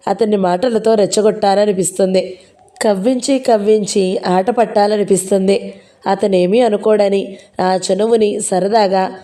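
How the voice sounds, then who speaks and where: Brief: woman with a Telugu accent, audiobook narrator, mellow warm tone, steady first-person reading. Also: medium pitch.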